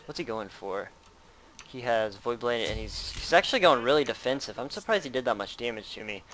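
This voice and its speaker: A man's voice: mid-range voice, expressive, brisk, a bit bright, slight background noise. A man giving casual, rambling commentary over his own gameplay, with many fillers.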